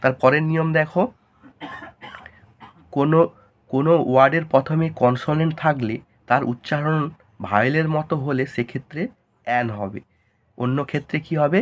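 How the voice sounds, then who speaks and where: A man teaching a grammar lesson, asking questions and answering them himself in a lower voice. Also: moderate pace, pauses often.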